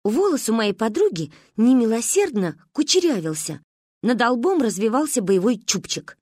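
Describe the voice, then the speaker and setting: A woman reading a children's story aloud in an expressive, lively storybook narration. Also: a little high, moderate pace, slightly rough, dry recording, clean studio sound. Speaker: audiobook reader.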